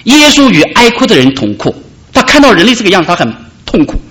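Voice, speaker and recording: A man preaching a sermon, calling out loudly at high points and dropping soft in between. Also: very animated, quick pace. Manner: preaching with dramatic rises and soft drops. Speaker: pastor.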